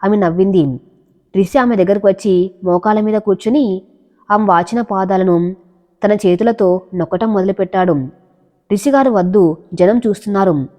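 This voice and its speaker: A woman narrating a dramatic story in a steady storytelling manner, with long echoey reverb. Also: medium pitch, moderate pace.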